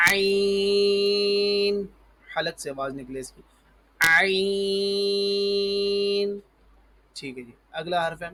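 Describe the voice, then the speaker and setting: A man with a fairly high voice teaches the alphabet for Quran reading. He calls out each letter slowly and loudly, then explains its sound in a quieter, patient way. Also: husky. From Pakistan. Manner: patient, repeats "ji" and "parh lijiye". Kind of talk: alphabet lesson.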